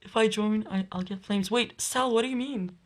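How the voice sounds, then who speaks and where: A woman live streamer chatting and reacting to her audience, excitable and often bursting into squealing laughter. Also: mid-range voice, moderate pace.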